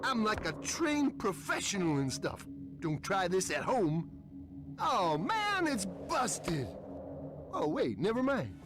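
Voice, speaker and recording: Goofy surfer dude from a game, slow drawl, bouncy pitch, music under it. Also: male voice, huge pitch swings, heavily acted. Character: goofy laid-back surfer dude alien, young and easily scared.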